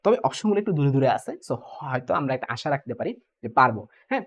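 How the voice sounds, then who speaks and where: A man's voice: mid-range voice, big pitch swings. A young man teaching physics in an exam-prep lecture, mixing in English terms and often checking in with the students. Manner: brisk, keeps asking "ঠিক আছে?", mixes English terms. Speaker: physics tutor.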